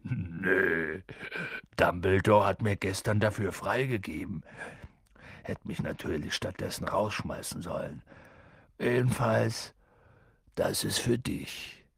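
A man's voice: low voice, takes it slowly, vocal fry, pauses often, husky, no room sound, clean studio sound, heavily acted. A man voicing a huge tearful half-giant. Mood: gentle, quiet. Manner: sobbing, remorseful, then gentle and mumbled. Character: huge tearful half-giant groundskeeper, gruff and soft-hearted. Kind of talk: audiobook character voice.

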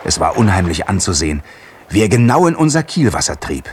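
Low-voiced male story narrator. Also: very animated, fairly quick, a little hiss or hum. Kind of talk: scripted dramatic story narration.

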